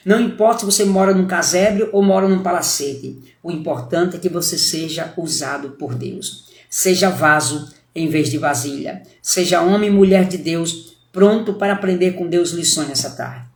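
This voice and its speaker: A man's voice: a little high, moderate pace, reverberant. A man with a Brazilian Portuguese accent, a pastor preaching a sermon on a live stream, telling a story with acted-out dialogue and exhorting his listeners.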